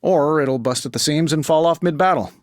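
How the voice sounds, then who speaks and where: A man's voice: on the high side, fairly quick, no room sound, studio quality, close to an everyday voice. An American man playing a wisecracking, cocky billionaire genius superhero inventor in a video game, glib, sarcastic and self-assured. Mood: wry, cocky. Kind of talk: video game character voice lines.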